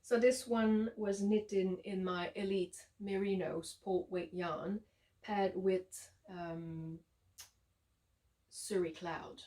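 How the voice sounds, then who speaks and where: A woman with a French Canadian accent, a yarn dyer giving a relaxed, chatty showcase of her shop's products with frequent ums and uhs. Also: medium pitch, slow pace. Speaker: yarn dyer and shop owner.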